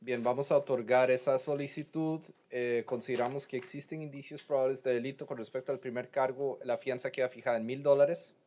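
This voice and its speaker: A man's voice: mid-range voice, steady tone, fast talker, hardly any pauses, a little mellow. A man working as a court interpreter, relaying proceedings in a formal, neutral manner. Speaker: court interpreter between Spanish and English.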